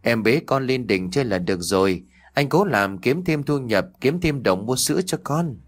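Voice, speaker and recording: Man doing a lying husband trying to sound calm, smooth reassuring talk, lively tone, ghost story. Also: mid-range voice, moderate pace, natural voice. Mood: reassuring, evasive. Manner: forced reassuring tone. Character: young husband, deceitful, forced calm.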